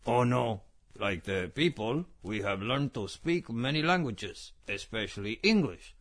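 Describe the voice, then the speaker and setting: A man's voice: mid-range voice, lively intonation, unhurried, fairly bright tone, pitched below the performer's own voice. A man voicing a shy, friendly little male frog, in a children's puppet show.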